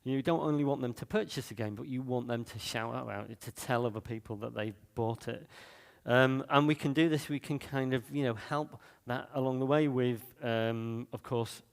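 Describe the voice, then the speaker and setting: Talking about game marketing at a conference, this Mancunian man speaks at normal speed with few pauses in a gravelly, mid-range voice. His chatty delivery is peppered with fillers and restarts, and the hall's long reverb lingers.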